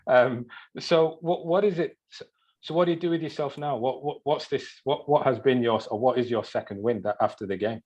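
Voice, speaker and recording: A man's voice: mid-range voice, fairly quick, a little mellow, highs cut off. A man interviewing conversationally, often repeating his opening words as he feels his way into a sentence. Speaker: interviewer, host.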